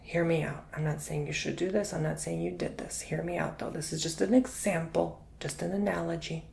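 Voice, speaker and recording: A man giving an intimate, chatty ASMR tarot reading, drifting between soft speech and whispers and calling the listener honey. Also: a little high, steady tone, a little fast, vocal fry, a little hiss or hum. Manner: repeats words for emphasis. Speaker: tarot reader.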